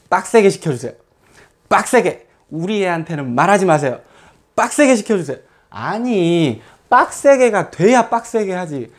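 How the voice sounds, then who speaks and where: A man teaching a math academy class, lecturing students in a blunt, scolding way, with casual swearing and many rhetorical questions. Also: sits high. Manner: lively, lots of rhetorical questions.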